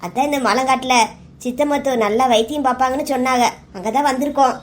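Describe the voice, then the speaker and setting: A woman's voice: high voice, quick pace, close to an everyday voice. A woman voicing a worried middle-aged mother in a cartoon serial, speaking in a soothing, tearful way. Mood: tender.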